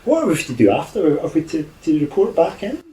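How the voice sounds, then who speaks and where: A man's voice: a little high, huge pitch swings, quick pace, a crowd in the background. A man, a player in a casual tabletop game who asks lots of questions. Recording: echoey room.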